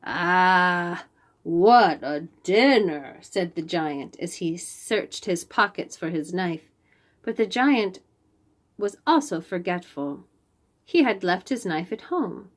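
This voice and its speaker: This is a fairly low-pitched female voice reading a story to young children. She is deliberate and expressive, stressing key phrases.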